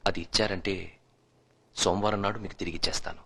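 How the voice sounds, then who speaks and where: A deep-voiced principled father. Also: steady tone, quick pace, sharp tone, full character voice. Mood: earnest. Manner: earnest, principled speechmaking. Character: principled middle-aged father, humble court attendant. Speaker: court attendant and father. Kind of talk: film dialogue. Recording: film soundtrack with music.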